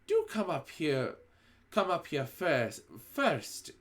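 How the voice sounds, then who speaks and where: A man reading a storybook aloud and voicing a cruel, commanding female witch leader who speaks slowly in a drawn-out, syrupy way. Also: on the high side, huge pitch swings, voice pushed up, full character voice. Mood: gloating, syrupy. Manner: slow, syrupy, drawn-out delivery.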